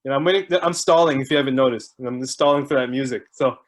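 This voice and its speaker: A man with a mid-range voice hosts an online video call at a fast clip, greeting people individually as they join. His tone is chatty and warm, and he makes jokes about stalling.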